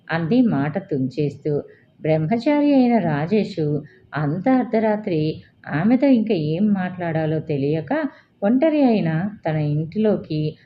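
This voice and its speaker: A woman narrating a story as an audiobook reader, in a calm, measured way. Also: on the low side. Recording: dull lo-fi with faint hiss.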